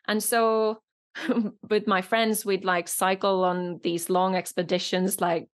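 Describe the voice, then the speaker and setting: A woman's voice: mid-range voice, flat delivery, takes it slowly. A woman in her thirties, born in Norway, with a British-leaning accent and Norwegian as her first language, chatting as a guest with many fillers. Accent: British-leaning, not clearly foreign. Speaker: actress, guest. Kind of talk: casual interview chat.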